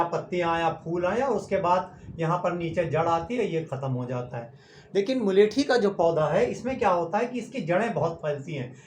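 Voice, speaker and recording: A man with a high-pitched voice talks as a doctor on his own health channel. He explains patiently and methodically, listing each point in turn. A faint hiss of background noise sits under his voice.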